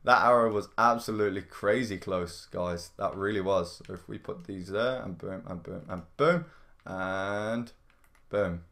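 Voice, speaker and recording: A man hosting a gaming livestream, giving casual running commentary in an excitable way, often repeating his phrases and exclaiming. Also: low-pitched, measured pace. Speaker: livestream gamer, host. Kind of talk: live gameplay commentary, casual.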